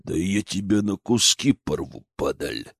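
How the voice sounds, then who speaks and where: A man's voice: on the low side, animated, slow pace, a bit bright, no echo, clean studio sound, exaggerated voice. Man doing a growling brute of a fighter. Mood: snarling. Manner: growling, snarling. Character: hulking hot-tempered male fighter, growling.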